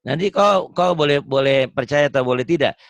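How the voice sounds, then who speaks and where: A man's voice: fairly high pitch, normal speed, creaky, lo-fi sound. Patient joking Quran teacher, man. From Indonesia. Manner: patient, joking, tells anecdotes. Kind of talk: one-on-one online lesson.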